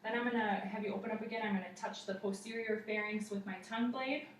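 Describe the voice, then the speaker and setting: A young adult woman's medium-pitched voice is steady and quick-paced as she narrates a clinical exam procedurally, student-style, for a patient and observer. A camera across the indoor living room records it, giving roomy, distant audio with faint noise.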